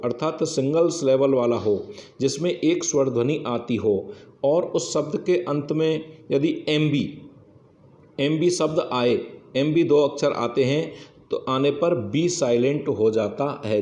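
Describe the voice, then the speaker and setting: Man, English teacher, mellow voice, step-by-step explanations, echoey room. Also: mid-range voice, muffled recording. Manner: explains step by step, keeps saying "yes, friends". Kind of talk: exam-prep lesson.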